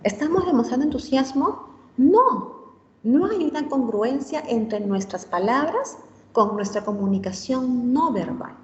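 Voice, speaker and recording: A woman's voice: high voice, lively intonation, moderate pace. A woman giving a career workshop lesson to students. She explains step by step and often asks for agreement with rhetorical tags. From Peru. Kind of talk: online lecture to students. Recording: roomy, dull, faint room noise.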